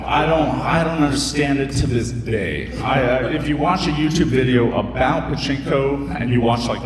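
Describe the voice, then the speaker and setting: A young man telling a joking, chatty story on stage at a live storytelling event, full of fillers and asides. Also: mid-range voice. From United States. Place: stage in a hall with a live audience. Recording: echoey hall picked up from a distance, crowd audible.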